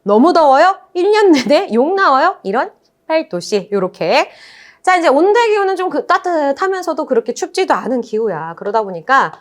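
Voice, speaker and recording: A woman's voice: high-pitched, moderate pace. A woman teaching a lecture course, telling stories and acting out playful exchanges as she explains. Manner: lively storytelling, acts out playful voices. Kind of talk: animated lecture.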